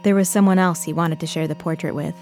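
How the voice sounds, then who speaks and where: Measured woman narrating a podcast story. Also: deep voice, fairly even intonation, darkish tone. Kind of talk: scripted narration. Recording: narration over clear music.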